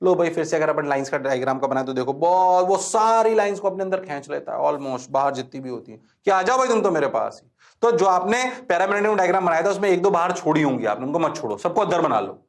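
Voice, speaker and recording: A man lectures on physics to a class, his voice pitched a little high. He moves between Hindi and English, keeps checking whether his students understand, and hurries them along to note things down. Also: expressive. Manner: asks students frequent check questions, urges them to write fast. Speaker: physics teacher.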